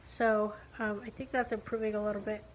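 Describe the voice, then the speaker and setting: Recovering from nose surgery, a young woman who vlogs about beauty chats to a phone held at arm's length in her living room. Her mid-range voice stays level and brisk, though stuffy and muffled by stiff lips, and a little background noise is audible. She rambles along, dropping plenty of fillers.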